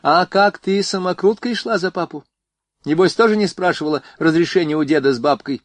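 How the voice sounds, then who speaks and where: A man's voice: fairly high pitch, fairly quick, dry recording, voice pushed up, natural voice. A man voicing a bossy headstrong young woman. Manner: bossy and teasing. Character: spirited headstrong young woman, a general's daughter.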